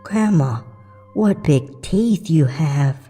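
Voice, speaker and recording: A man's voice: on the high side, expressive, slow, dark tone, husky, soft background music, pitched above the performer's own voice, exaggerated voice. A man voicing an innocent young girl who speaks timidly, slightly trembling, in a storybook horror tale.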